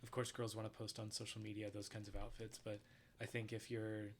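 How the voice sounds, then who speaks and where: A young man hosts a casual podcast with a low, easygoing voice and asks short questions. A faint hiss sits under the recording. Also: completely flat delivery, fairly quick. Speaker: podcast host.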